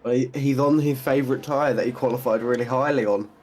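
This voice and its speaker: A man's voice: mid-range voice, fairly even intonation, fast talker, a little mellow. A man with a mid-range voice chips in on race strategy over an online voice link, in brief, chatty remarks. A faint background hum runs under the call. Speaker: co-commentator. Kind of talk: sim racing commentary. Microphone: online voice chat.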